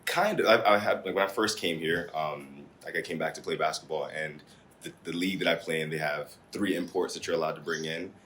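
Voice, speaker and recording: A man's voice: rumbling low, fairly quick, slight background noise. A young man with an American accent, chatting casually as a guest at a dining table at home. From Singapore and the US. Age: young adult. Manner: relaxed storytelling, laughs often. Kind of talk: casual chat.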